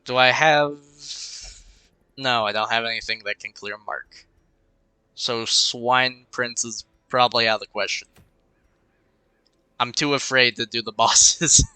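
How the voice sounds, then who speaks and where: In casual let's-play commentary, a young man with a slightly congested voice rambles and mutters while weighing choices. His medium-pitched voice is steady, unhurried, bright, forceful, clear and resonant, with long pauses. The audio is poor, from a cheap desk mic, with no room sound.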